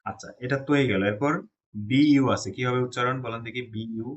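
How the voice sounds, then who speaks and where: Heard in lo-fi sound, a man from Bangladesh with a mid-range voice speaks fairly quickly as he teaches Chinese pronunciation. He breaks it down step by step and keeps checking that the class follows along.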